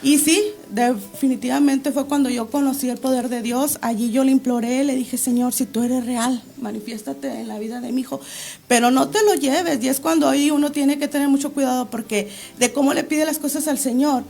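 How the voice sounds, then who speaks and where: A woman with a high voice tells her religious testimony as a guest on an interview show. She speaks with fervor and reenacts her pleas to God aloud. She sounds middle-aged. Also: steady tone, fairly quick, creaky, mellow.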